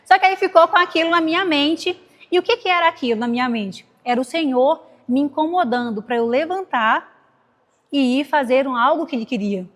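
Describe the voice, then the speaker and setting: A woman's voice: sits high, brisk, fairly bright tone. A woman preaching a sermon to a women's group, speaking conversationally and telling personal stories while addressing the listeners directly. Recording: long hall reverb.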